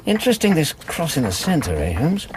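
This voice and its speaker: An actor playing an earnest, romantic doctor in a radio drama, musing and courteous. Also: male voice, a little high, huge pitch swings, moderate pace. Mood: curious, puzzled. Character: thoughtful, earnest, romantic English doctor companion. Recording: noisy radio drama ambience.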